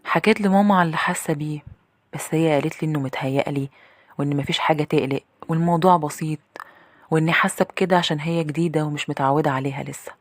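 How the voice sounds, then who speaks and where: A woman with an Egyptian accent narrating a horror story in the first person, brisk and hushed at tense moments. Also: sits low, no room sound.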